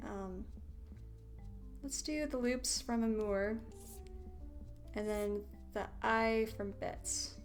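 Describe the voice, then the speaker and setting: A woman casually talking through a visual novel playthrough, softly muttering her choices. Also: medium pitch, extremely slow, pauses often, faint music behind. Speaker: gamer playing a visual novel.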